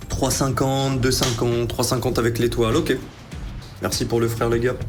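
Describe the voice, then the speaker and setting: A man's voice: medium pitch, level tone, moderate pace, music in the background. A man from northern France with a French accent, chatting casually with his stream viewers in rambling, slangy explanations. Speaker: casino livestreamer.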